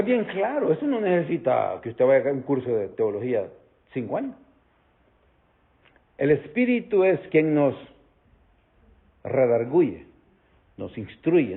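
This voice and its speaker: An emphatic pastor preaches straight at his listeners. His pitch sits a little high and swings widely from phrase to phrase. The sound is thin and tinny, like a phone line. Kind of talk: sermon.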